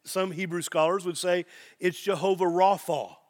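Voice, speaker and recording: A man with an Appalachian accent giving an informal sermon as a pastor, earnest, excitable and folksy, repeating phrases for emphasis. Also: high voice, normal speed. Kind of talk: sermon, informal Bible teaching.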